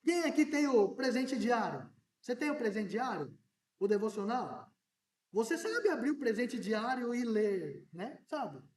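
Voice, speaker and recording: A man preaching a sermon as a pastor, in an animated way that now and then breaks into shouting. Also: very high-pitched, a little slow. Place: church hall. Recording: echoey church hall, mic at a distance.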